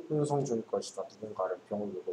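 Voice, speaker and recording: A man's voice: on the low side, animated, quick pace, darkish tone, slight background noise, low-quality recording. A male student in a tutoring session, hesitantly translating English sentences aloud. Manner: hesitant, working through translations.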